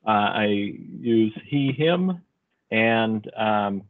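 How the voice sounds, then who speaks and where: A man's voice: lowish voice, animated, extremely slow. Man on a tinny phone-like line. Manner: casual, frequent ums and uhs. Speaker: nonprofit executive director. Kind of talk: self-introduction on a video call.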